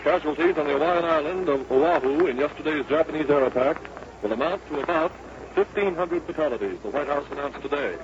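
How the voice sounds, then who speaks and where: A man's voice: on the high side, a little fast, highs cut off, background noise. A man reading an urgent news flash in a formal announcing manner, heard as an old 1940s newsreel-style radio broadcast. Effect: old newsreel-style archival radio broadcast.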